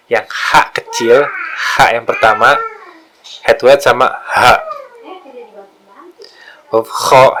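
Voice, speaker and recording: A man's voice: medium pitch, a bit bright, slight background noise, poor audio. A man giving a casual lesson on Quran letter pronunciation, demonstrating throat sounds again and again in a humble, self-deprecating way.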